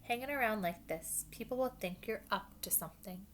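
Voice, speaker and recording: Woman doing sneering creepy teacher guy, smooth and threatening, storybook read. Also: mid-range voice, moderate pace, slight background noise, pitched above the performer's own voice, natural voice. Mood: menacing. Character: sneering, menacing male professor.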